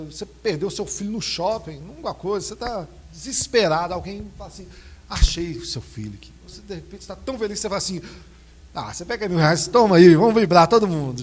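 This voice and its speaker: A Brazilian man preaching, his voice sitting a little high. He moves from slow, careful scripture reading to lively storytelling with voiced quotes. A faint hum runs under the recording. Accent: Brazilian Portuguese. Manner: reads scripture slowly, then tells stories animatedly with acted quotes. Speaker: pastor. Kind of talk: expository sermon with personal anecdotes.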